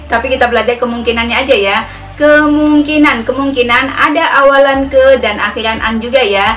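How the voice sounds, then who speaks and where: A woman teaching sign language in a chatty tutorial, often repeating single words slowly as she demonstrates. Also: on the high side, fairly bright tone, recorded from a distance, soft background music. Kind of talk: casual tutorial.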